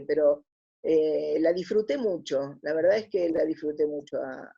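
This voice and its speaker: A middle-aged Argentine woman with a gravelly, low-key, dark voice and an Argentine Spanish accent answers interview questions casually and reflectively. As a guest she speaks hesitantly and searches for words, and the audio is dull and lo-fi.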